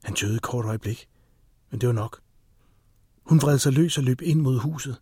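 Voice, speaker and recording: A man reading a thriller audiobook as narrator, in steady, tense scripted narration. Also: medium pitch, husky, no room sound, studio quality.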